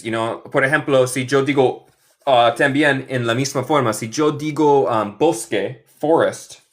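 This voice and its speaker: A man from Michigan teaching English in Spanish on a live stream, drilling phrases slowly and mixing both languages. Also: medium pitch. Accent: American English speaking Spanish. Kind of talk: live online English lesson for Spanish speakers.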